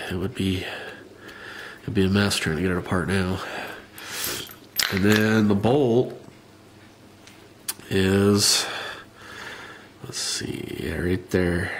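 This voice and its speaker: A man's voice: deep voice, vocal fry, slight background noise. A man with a nasal voice giving a casual, rambling how-to demonstration of his hobby work, with plenty of fillers. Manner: rambling, plain-spoken, many fillers. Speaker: hobbyist showing a rifle customization.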